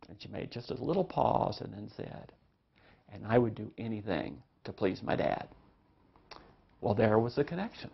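A man with a gravelly voice teaches a parenting lesson, explaining step by step with examples. He now and then acts out parents and children. The recording sounds dull and lo-fi. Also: on the low side, animated, moderate pace. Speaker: parenting instructor. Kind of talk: recorded parenting class lecture.

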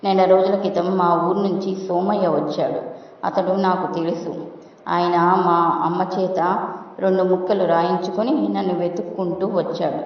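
A woman reads a first-person short story aloud in a steady, even manner. Her voice sits low and comes from some distance in a large echoing hall. The sound is dull and muffled, lacking crisp highs. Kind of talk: storytelling narration.

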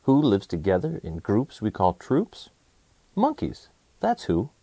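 A man hosts a read-aloud of a children's nonfiction book, telling it expressively and with crisp enunciation for young ears. He speaks in a lowish voice at a measured pace, with no echo.

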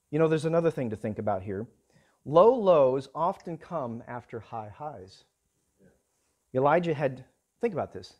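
A man's voice: medium pitch, a little mellow. Earnest male preacher. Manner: earnest preaching, rising and falling in volume. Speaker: pastor. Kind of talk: sermon.

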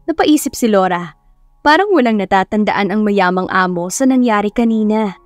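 A woman narrating a romance story in a steady, scripted storytelling voice. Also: mid-range voice, moderate pace, no room sound, soft background music.

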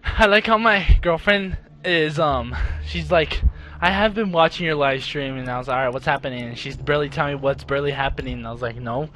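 A young man live streaming a video game, chatting casually, excitable and profane, prone to screaming while he plays. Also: a little high, a little fast, faint music behind. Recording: noisy home stream audio.

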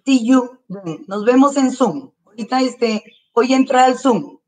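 A woman teacher giving slow, careful, repeated instructions to parents while straining her throat. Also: high-pitched, darkish tone, distant mic, rough recording. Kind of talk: online class instructions to parents. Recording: voice from away from the mic.

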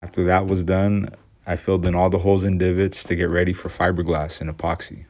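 Speaking briskly in a deep, level, slightly mellow voice, a middle-aged man narrates a casual voice-over about building his own boat. He keeps it plain and matter-of-fact, poking a little fun at his own mistakes.

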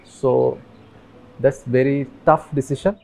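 A Bangladeshi man in his thirties, interviewed in a dim room on a lapel mic, telling his story earnestly with halting restarts. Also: mid-range voice, steady tone, vocal fry, a little mellow, faint music behind, rough recording. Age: 30s. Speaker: interviewee, migrant worker. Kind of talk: documentary interview. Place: dim indoor room with fans.

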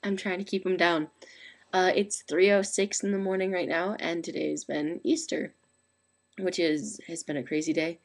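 A young woman with a low voice talks into a webcam at home, chatty and rambling, leaning on "like" and "um". She has the hiccups and keeps trying to hold them down. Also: fairly even intonation, normal speed. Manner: chatty, rambling, frequent "like" and "um" fillers. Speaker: vlogger. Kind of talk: casual late-night webcam chat. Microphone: webcam microphone.

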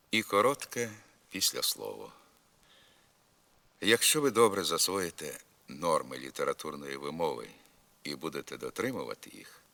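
Deep-voiced man teaching pronunciation, crisp bright tone, slow and careful on every word. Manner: slow, careful enunciation of example words. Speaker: pronunciation instructor. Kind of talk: scripted educational narration.

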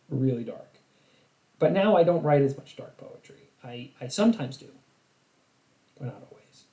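A man's voice: medium pitch, mellow. Rambling man chatting on a stream. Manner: rambling, self-correcting, laughs often. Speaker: poetry streamer. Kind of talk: casual live-stream chat.

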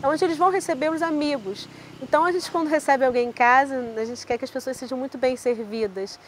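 A Brazilian woman in her thirties with a Rio de Janeiro accent speaks in a fairly high voice. She talks through an interview in an easy, conversational manner on a lapel mic. Faint noise sits underneath. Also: fast. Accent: Brazilian Portuguese, Rio de Janeiro state. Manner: warm, conversational, frequent tag questions. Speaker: buffet owner. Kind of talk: interview answers. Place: outdoor terrace seating area.

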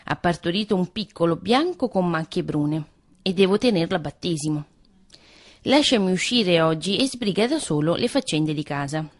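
A sly, greedy storybook tomcat, put on by a woman reading aloud coaxes in a smooth, wheedling tone. The voice sits low but swoops up and down with lively inflection. It stays close to the reader's own voice. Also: normal speed. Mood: coaxing. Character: sly greedy male house cat.

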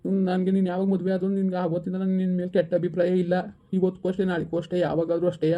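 A woman's voice: on the low side, completely flat delivery, very fast, muffled recording, lightly acted. A woman playing a sad, devoted young male friend from the village in a family skit, speaking in a hurt, resigned way.

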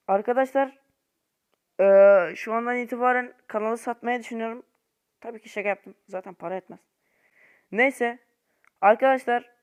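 A young man giving casual gameplay commentary to viewers in an informal, slangy way, swinging between low muttering and frustrated shouting. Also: smooth. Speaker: gaming YouTuber.

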